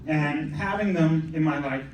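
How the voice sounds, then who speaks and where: A man's voice: on the high side, unhurried, noisy background. A young man doing a stand-up comedy set in a club, rambling and self-deprecating, breaking off into asides. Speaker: stand-up comic. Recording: echoey club from a distance. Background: audience laughter.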